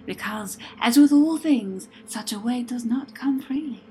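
A woman voicing a cruel, scheming ancient witch who talks in a hushed, breathy whisper. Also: fairly high pitch, unhurried, voice pushed up, natural voice, rough recording. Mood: cold.

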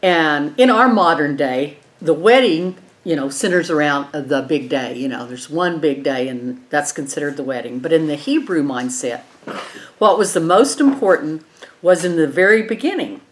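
A woman's voice: sits low, lively intonation, normal speed. A woman with a twangy West Texas accent teaching an informal Bible lesson in a folksy way, often checking in with the group. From eastern New Mexico and West Texas, USA.

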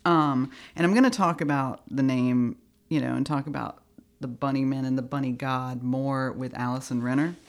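A woman's voice: very deep voice, steady tone, moderate pace. A woman co-hosting a podcast in casual, playful chat, free-associating and laughing often. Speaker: podcast co-host.

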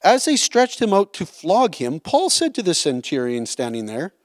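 High-voiced man teaching scripture. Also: huge pitch swings, normal speed, no echo, studio quality. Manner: conversational, checks in with "right?" and "okay?". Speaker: Bible teacher. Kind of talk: Bible study teaching.

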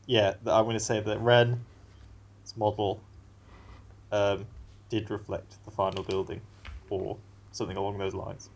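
A man's voice: fairly low pitch, little pitch movement, unhurried, pauses often. A man co-hosting a casual podcast, playful and giggly, often second-guessing himself. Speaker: podcast co-host. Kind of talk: casual chat.

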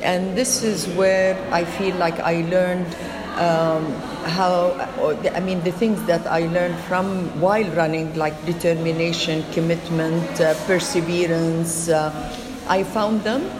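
A middle-aged woman from Lebanon, answering interview questions in a halting way with many fillers and restarts. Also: on the low side, steady tone, noisy background. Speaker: interview guest. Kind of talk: conversational interview.

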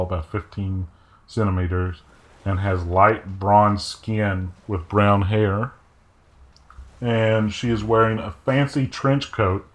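Acting as game master for a tabletop RPG, a man lays out scenes at a measured pace. His pitch is fairly low.

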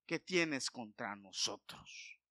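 A man voicing a male demon who begs for mercy, speaking low and slow in a pleading tone. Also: expressive, bright, forceful tone, no room sound, clean studio sound.

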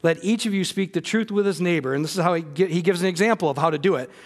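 A man's voice: high-pitched, quick pace, in a large hall. A man preaching a sermon as a pastor, earnest and emphatic, with conversational asides and light humor. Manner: earnest preaching that builds from quiet to emphatic repetition.

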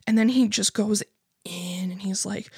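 Her mid-range voice is gravelly and slightly rough, with fairly even intonation and a measured pace, as this young adult woman hosts a podcast. She tells a story in a rambling, casual way, full of swearing and frequent laughter. The recording is dry, with clean studio sound.

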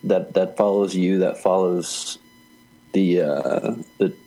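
Low raspy guy rambling on a soccer podcast, lots of restarts. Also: slow, warm tone, poor audio. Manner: rambling, restarts often, laughs easily. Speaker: podcast co-host. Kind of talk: casual chat.

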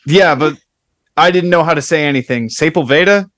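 A man's voice: a little high, a little fast, fairly bright tone, no room sound, clean studio sound. Joking, rambling male podcast host. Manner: joking, self-deprecating, rambling. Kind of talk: casual interview chat.

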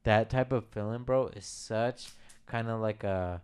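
Young man, clear smooth voice, rambling, swears a lot, sentimental, casual chat. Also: lowish voice, measured pace, darkish tone. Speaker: storyteller among friends. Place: home basement.

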